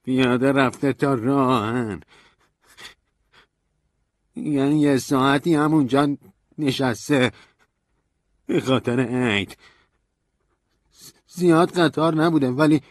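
A shrill, loud grown man, bitter and volatile, who drawls his jabs slowly and bursts into shouts. The voice sits far above a normal male register, and the recording is dry and close. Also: no room sound. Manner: sneering, drawn-out and shouting.

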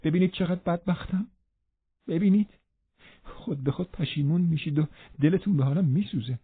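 A man's voice: fairly high pitch, breathy edge, voice pushed up. A man reading aloud, voicing a desperate young woman who pleads and begs in an audiobook. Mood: pleading. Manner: pleading, imploring. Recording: narrow phone-like band.

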